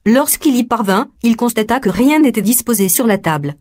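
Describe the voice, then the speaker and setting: A woman narrating a story in an even, storytelling manner. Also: a little high, brisk.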